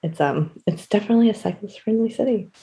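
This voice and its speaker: A woman's voice: medium pitch, fast talker, warm tone, low-quality recording. A woman chatting casually as a podcast co-host, rambling through anecdotes. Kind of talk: casual chat.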